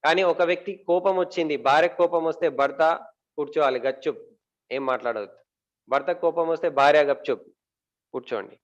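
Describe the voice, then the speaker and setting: A man giving a talk about marriage to an audience. He asks questions and answers them himself, pausing often with fillers and repeating words. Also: fairly high pitch, muffled recording.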